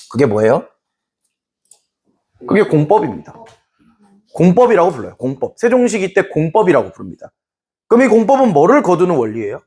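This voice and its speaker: A man teaching a Korean history class in a lively way, now and then acting out short scenes in put-on voices. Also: high-pitched. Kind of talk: classroom lecture.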